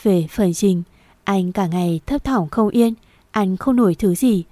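Woman with a mellow storytelling voice. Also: medium pitch, unhurried, dry recording. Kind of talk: scripted narration of a romance story.

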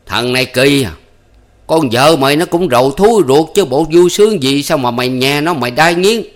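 A man's voice: medium pitch, expressive, moderate pace, fairly bright tone, pitched above the performer's own voice, natural voice. Man playing an older village notable, kindly, coaxing, slightly raised voice, storybook.

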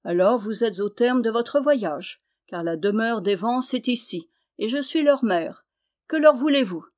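A woman's voice: a little high, expressive, unhurried, darkish tone. A woman reading aloud, voicing an ancient giantess who is mother of the winds, stern yet kindly and firm in tone.

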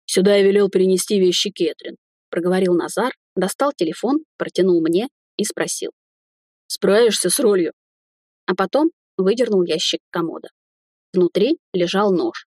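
A woman narrating a novel in a steady, expressive reading voice. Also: lowish voice, slightly rough, dry recording, studio quality. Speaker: audiobook narrator. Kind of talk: scripted narration.

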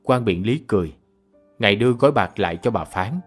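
A low male narrator, reading, telling the story in an even, measured way. Faint music plays behind his voice. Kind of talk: radio drama narration.

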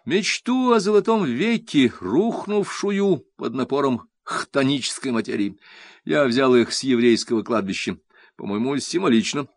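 A man's voice: mid-range voice, lively intonation, normal speed, no echo, clean studio sound, pitched above the performer's own voice. A man voicing a self-assured, pompous male sculptor. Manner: confident, pompous, then indignant.

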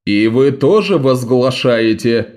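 A man voicing a domineering male priest in a sun mask who proclaims slowly and raises his pitch to command. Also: mellow, lightly acted.

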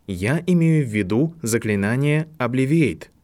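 A man reading an audiobook, voicing a composed older woman professor who speaks softly and sympathetically. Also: mid-range voice, expressive, voice pushed up, lightly acted. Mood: gentle. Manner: soft, sympathetic, measured. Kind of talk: audiobook narration.

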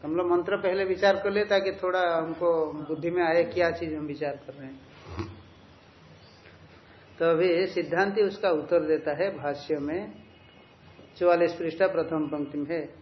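A man giving a scriptural commentary lecture as a spiritual teacher, reading the text line by line and explaining it by asking questions and answering them with everyday examples. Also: fairly high pitch. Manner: reads and corrects a text line by line with students. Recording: echoey, dull lo-fi room recording.

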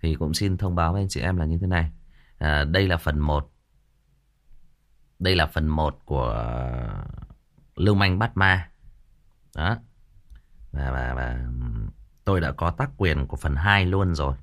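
A man's voice: very deep voice, measured pace, long pauses, fairly bright tone. A man hosting a story channel, talking casually about a story to his viewers, rambling and often repeating words as he searches for the next one. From Vietnam. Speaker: audiobook narrator and channel host. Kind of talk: casual livestream commentary.

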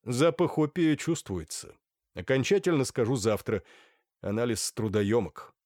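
A man voicing a shrewd, calm doctor who asks probing questions. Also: medium pitch, unhurried, dry recording, studio quality, lightly acted.

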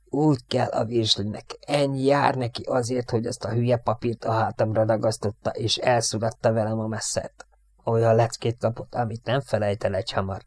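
A man's voice: medium pitch, flat delivery, no echo, clean studio sound, natural voice. A man voicing a spiteful, mocking gunner. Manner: gruff, mocking. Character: spiteful young male bomber gunner.

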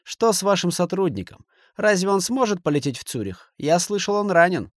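A man reading an audiobook, voicing an agitated, hot-tempered middle-aged businessman who shouts and gives orders. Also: high-pitched, sing-song, fairly quick, no room sound, clean studio sound, pitched above the performer's own voice. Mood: angry. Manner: raised, shouting, forceful.

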